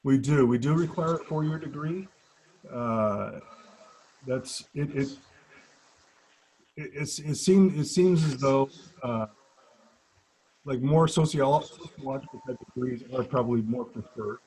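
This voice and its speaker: A man's voice: medium pitch, a little slow, long pauses, a little mellow, slight background noise, poor audio. Hesitant man explaining probation work. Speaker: probation officer on a career panel. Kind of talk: panel talk to students.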